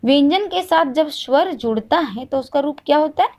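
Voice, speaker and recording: Woman, teacher, fairly high voice, asks and answers herself, repetitive drilling lesson. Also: lively intonation, moderate pace, darkish tone. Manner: asks questions and answers them herself, repeats each point. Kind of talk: classroom lesson.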